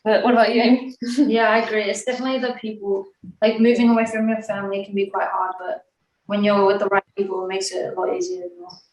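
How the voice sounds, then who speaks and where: A young woman, soft and agreeable. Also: mid-range voice, level tone, fast, roomy sound, far from the mic, low-quality recording. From South Africa, raised in New Zealand. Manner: soft, agreeable, short answers. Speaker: footballer, guest.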